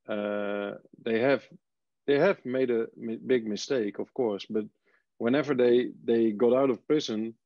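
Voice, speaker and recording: A man's voice: mid-range voice, no room sound. A man, a film director speaking hesitantly over a video call through earbuds, searching for words. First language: Dutch. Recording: dull lo-fi video call audio.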